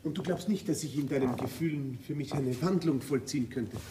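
An actor playing a formal, measured husband who is hurt but stays polite, in a stage play recording. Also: male voice, medium pitch, lightly acted. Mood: pleading. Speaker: Arnold. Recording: distant stage mic with faint room noise.

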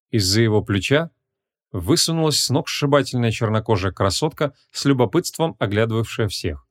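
A man narrating a humorous fantasy audiobook in a measured, expressive reading. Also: mid-range voice, no echo, studio quality.

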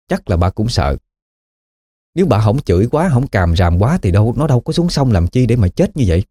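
A man with a Southern Vietnamese accent telling a spooky story in a relaxed, folksy way. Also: fairly low pitch. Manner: relaxed folksy storytelling with lively rises and falls.

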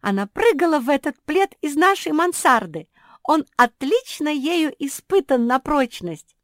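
A woman voicing an excitable young female dog who talks loudly and emotionally. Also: high-pitched, normal speed, dry recording, clean studio sound, pitched above the performer's own voice. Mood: excited.

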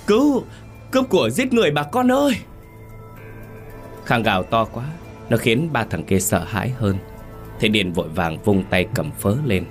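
A man with a deep, low voice tells a grim horror story in graphic detail. Soft music plays faintly beneath his narration.

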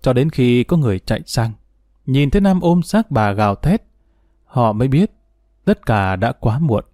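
A man narrating a dramatic audio story with expressive, emotional delivery. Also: medium pitch, moderate pace, dry recording, clean studio sound.

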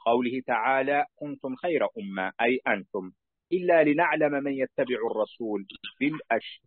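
A man reading a classical commentary aloud to his teacher, at a steady pace, going back over phrases to correct his slips. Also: medium pitch, a little fast, dry recording. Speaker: student reading a book aloud to a sheikh. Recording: tinny phone-like dry recording.

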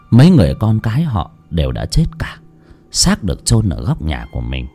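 A man's voice: fairly low pitch, mellow, slightly rough. A man narrating an audiobook story dramatically.

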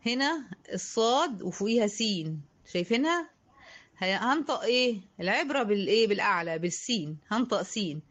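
A woman with an Egyptian Arabic accent teaching Quran recitation, chanting verses slowly and then explaining pronunciation in colloquial speech. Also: mid-range voice, lively intonation, fairly bright tone.

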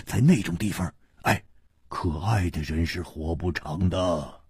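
A male storyteller voicing a boisterous, hot-tempered swordsman who talks loudly and scolds his friend. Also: deep voice, a little slow, breathy edge, dry recording, studio quality, exaggerated voice. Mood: teasing. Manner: loud, blustering, scolding.

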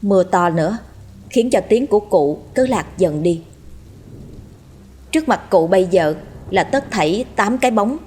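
A woman storyteller reading a scripted horror story in a steady, dramatic way. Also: mid-range voice, normal speed, long pauses, husky. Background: faint music.

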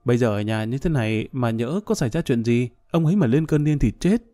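A man's voice: medium pitch, animated, a little fast, mellow, dry recording, close to an everyday voice. A man voicing a frightened young wife who pleads anxiously in a storybook reading. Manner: worried, pleading.

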